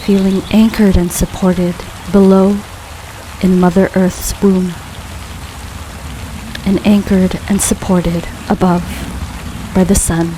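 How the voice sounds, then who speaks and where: A woman leading a guided grounding meditation in a calm, soothing, unhurried way, leaving long pauses between phrases. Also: on the low side, rough recording. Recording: steady rain noise behind voice. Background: rain falling.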